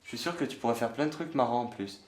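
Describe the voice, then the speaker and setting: A man's voice: mid-range voice, fast talker, lightly acted. A man playing a cheeky teenage son in a film parody, talking in casual slang. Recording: echoey room, off the mic.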